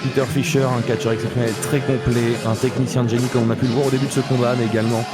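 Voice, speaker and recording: A man giving analytical wrestling commentary in a measured, somewhat halting way with repeated words. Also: mid-range voice, little pitch movement. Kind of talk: analytical live sports commentary. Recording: loud music and crowd behind. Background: loud music, crowd at wrestling show.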